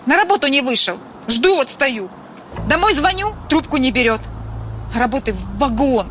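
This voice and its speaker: A woman's voice: sits high, very animated, normal speed, fairly bright tone. An actress playing a chatty, exasperated housing-office dispatcher in a crime drama, plain-spoken and complaining, with street noise around her. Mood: exasperated, nosy. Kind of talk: screen crime drama acting. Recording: clear outdoor street and traffic noise.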